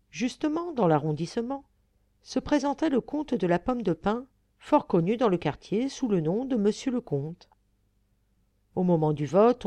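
A woman narrating a humorous short story as an audiobook reader, in steady, measured storytelling. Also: lowish voice, dry recording. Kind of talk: scripted narration.

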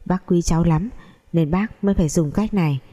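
Giọng nữ đóng bà mẹ toan tính, thuyết phục, ngọt mà gắt. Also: female voice, fairly low pitch, a little fast, mellow, close to an everyday voice. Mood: scheming. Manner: persuasive, commanding. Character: scheming middle-aged mother, bossy and sly.

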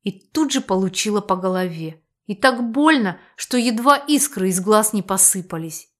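A woman narrating a first-person audiobook romance in an expressive, emotional reading style. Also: mid-range voice, normal speed.

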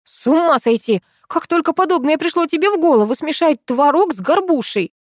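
A woman's voice: high voice, animated, a little fast, no room sound, clean studio sound, voice pushed up. A woman reading the part of a feisty, scolding young heroine in an audiobook. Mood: sarcastic. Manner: sharp, scolding, shouting. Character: bossy feisty young woman, quick to fight.

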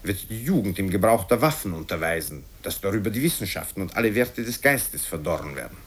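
A man gives a full character voice to a pompous politician in a satirical radio story, declaiming righteous accusations at his rival. The voice is low yet fairly bright, very animated and brisk, with a breathy edge. The tone is accusing.

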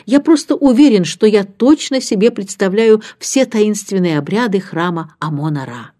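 A woman voicing a gentle, grateful male scholar in a storybook reading, speaking softly and earnestly. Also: medium pitch, expressive, moderate pace, lightly acted. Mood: wistful.

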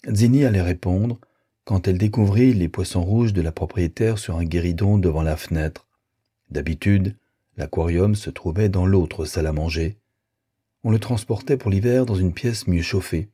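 A man reading a novel aloud in a measured, even audiobook narration. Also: deep voice, husky, no room sound, clean studio sound.

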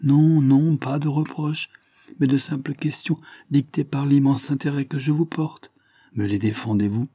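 A man voicing a gentle, earnest young woman pleading with her cousin in a storybook reading. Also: mid-range voice, fairly even intonation, a little slow, slightly rough, dry recording, studio quality, voice pushed up. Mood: pleading tender. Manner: pleading, impassioned.

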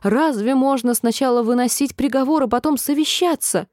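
A bold, spirited young girl from a storybook who speaks up fearlessly, played by a woman. Her voice is raised and bright with exclamations. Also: high-pitched, normal speed, dry recording, studio quality, voice pushed up, lightly acted.

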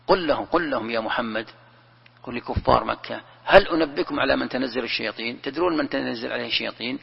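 A man's voice: mid-range voice, creaky, husky. A man teaching a religious lesson, explaining in a conversational way and asking and answering his own questions. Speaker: sheikh teaching Quran commentary. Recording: lo-fi recording with long reverb.

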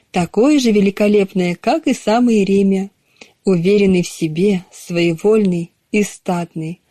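A woman narrating a novel in a measured, even storytelling manner. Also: mid-range voice, no room sound. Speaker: audiobook narrator. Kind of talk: scripted narration.

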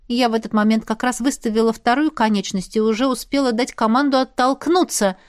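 A woman narrates a first-person audiobook in a steady, even manner. Her voice sits a little high. The recording is close and dry, with no room echo. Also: brisk, clear, resonant tone. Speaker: audiobook reader.

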